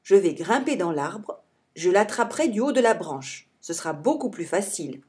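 A woman voicing an excitable little hamster boy who wants to be a cowboy, eager and bossy. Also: fairly low pitch, normal speed.

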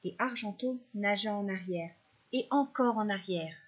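A woman reading a children's story aloud in a gentle, expressive manner. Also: mid-range voice, a little slow, breathy edge, highs cut off.

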